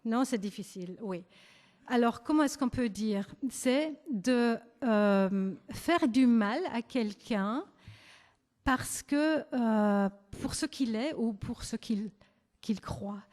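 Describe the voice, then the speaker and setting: A woman with a German accent leading a church service, speaking gently and hesitantly with frequent pauses and self-corrections. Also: a little high. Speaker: service leader. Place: church hall. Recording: long church-hall reverb.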